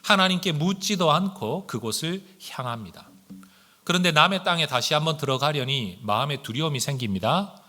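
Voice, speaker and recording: Preaching a Sunday sermon with a slightly high, bright and forceful voice, this male pastor keeps a normal pace and lively intonation. He speaks earnestly, addressing the congregation through rhetorical questions, in standard Korean that picks up regional intonation when he hurries.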